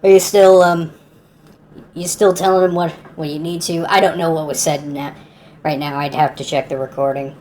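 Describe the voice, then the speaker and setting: A woman's voice: low voice, steady tone, normal speed, a little mellow. A woman hosting a casual voice call, talking in a loose, hesitant way. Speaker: call host.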